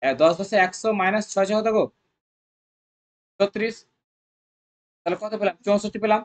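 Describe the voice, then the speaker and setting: Coaching-centre math tutor, mid pitch, rapid, drills students with constant questions. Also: steady tone. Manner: coaxing, repetitive. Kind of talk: exam-prep math lesson.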